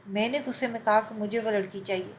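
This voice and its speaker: A woman telling a scripted first-person moral story in a steady, even storytelling manner. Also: mid-range voice, slight background noise, poor audio.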